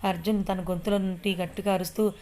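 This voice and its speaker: A woman narrating an audio story in a steady, unhurried reading voice. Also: mid-range voice.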